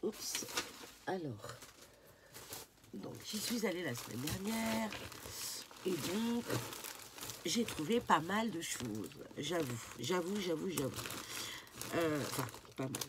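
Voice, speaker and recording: A woman's voice: on the low side, slow pace, long pauses, background noise. A woman with a stuffy, nasal voice chatting casually as she shows off a craft shopping haul, with lots of fillers. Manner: relaxed and chatty, with many fillers and "voilà". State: stuffy, congested nose. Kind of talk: casual haul vlog talk to camera. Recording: paper crinkling and clicks behind. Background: crinkling packaging and clicks.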